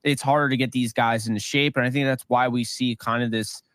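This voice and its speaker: A man co-hosting a sports podcast, giving rambling, animated opinions with lots of fillers. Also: medium pitch, fairly quick, no room sound. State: voice getting worn. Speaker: podcast co-host. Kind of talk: casual sports talk.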